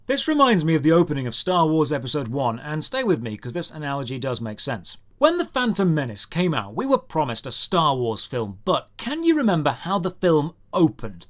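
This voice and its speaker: A British man with a high-pitched, fairly bright voice narrates a scripted comedic game review. As a video game reviewer and host, he delivers it theatrically, with sarcasm and mock grandeur.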